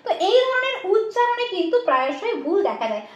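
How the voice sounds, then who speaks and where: High-pitched, brisk woman teaching in an echoey room. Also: sing-song. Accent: West Bengal. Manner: explains with frequent rhetorical questions and checks. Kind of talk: exam-prep lecture.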